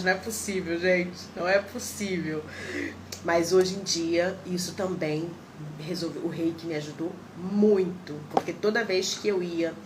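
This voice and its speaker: A Brazilian woman in her thirties tells personal stories on a livestream, with a slightly low voice. She is animated and acts out the people she quotes. A clear layer of background noise sits behind her. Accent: Brazilian Portuguese. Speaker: reiki practitioner. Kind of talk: casual livestream chat.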